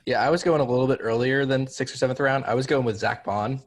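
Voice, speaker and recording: A young man co-hosting a casual football podcast, giving quick analysis full of "like" fillers. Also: mid-range voice. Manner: quick, even-toned analysis with many "like" fillers. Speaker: podcast co-host. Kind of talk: casual sports chat.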